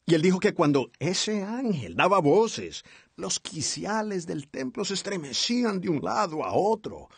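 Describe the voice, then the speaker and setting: A man reading a voice-over translation of a sermon in a steady, earnest way. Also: high voice, measured pace, vocal fry, husky, no echo. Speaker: sermon interpreter.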